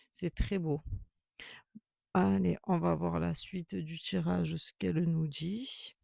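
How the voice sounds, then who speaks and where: A man's voice: high-pitched, creaky, darkish tone, dry recording, studio quality. A man giving a tarot reading to a viewer, reassuring and repetitive, with many fillers and restarts. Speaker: tarot reader.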